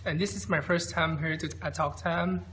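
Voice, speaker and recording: Guy, higher voice, stumbly repeats, bit of background noise. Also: fairly even intonation, normal speed, fairly bright tone, long reverb tail, low-quality recording. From Vietnam. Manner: hesitant, repeating words. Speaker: international student.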